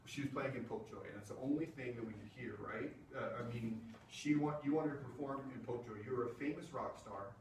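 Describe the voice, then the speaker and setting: In an echoey classroom picked up by a distant room mic with faint hiss, a music technology presenter gives a casual lecture on sound equipment. His mid-range voice moves fairly quickly with few pauses, full of fillers and asides as he explains.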